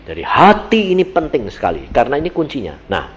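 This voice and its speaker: A man's voice: mid-range voice, huge pitch swings, fairly quick. A man with a Javanese-tinged Indonesian accent preaching a sermon in a folksy, emphatic storytelling manner. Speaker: evangelist preacher.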